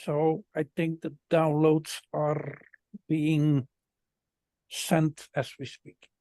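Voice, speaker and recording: Guy talking spiritual stuff off the cuff, slow n halting, repeats words, super dry close sound. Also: fairly high pitch, flat delivery, mellow, no room sound. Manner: halting, repeats words while searching for phrasing. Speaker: spiritual guest speaker. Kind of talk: unscripted spiritual talk.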